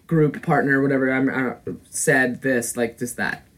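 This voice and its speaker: A man's voice: medium pitch, steady tone, measured pace, a bit bright. A man in his twenties, co-hosting a podcast, telling a story in casual chat, rambling with lots of "like" and swearing. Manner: rambling, swears a lot, many filler likes. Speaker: podcast co-host.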